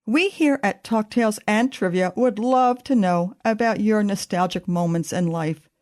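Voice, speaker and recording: A woman in her fifties, a podcast host, reading a scripted personal reflection in a measured, thoughtful way. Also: mid-range voice, a little mellow.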